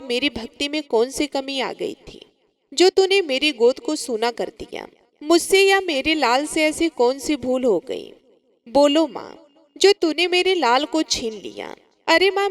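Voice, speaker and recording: A woman's voice: high-pitched, dry recording, heavily acted. A woman voicing an elderly devout mother who pleads with the goddess for her drowned son in a storybook tale. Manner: pleading, lamenting.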